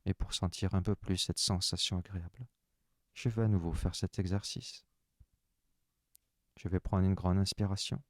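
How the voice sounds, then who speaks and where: A man leading a guided relaxation session, giving calm, soft, unhurried instructions in the first person. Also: sits low, no echo, clean studio sound.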